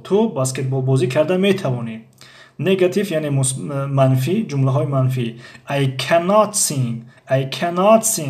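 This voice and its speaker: A man explaining English grammar as a teacher, reading example sentences slowly and repeating them. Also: on the high side, creaky, darkish tone.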